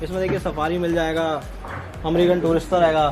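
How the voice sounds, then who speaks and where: A man's voice: on the high side, level tone, brisk. A man working as a store representative, giving insistent sales talk during a shop walk-through. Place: inside a retail store. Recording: roomy echo under loud music.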